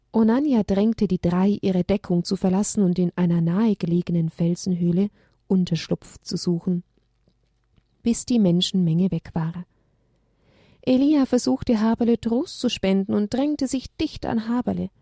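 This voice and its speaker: A woman reading a children's story aloud, expressive and dramatic. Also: mid-range voice, no room sound, studio quality.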